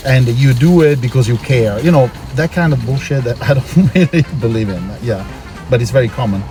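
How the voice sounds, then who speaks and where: An Italian man working in Japan chats casually as a guest in a street interview, speaking in or near a car with music playing behind him. His mid-range voice has a dark tone and lively intonation, and he talks briskly, explaining things at length and repeating himself for emphasis.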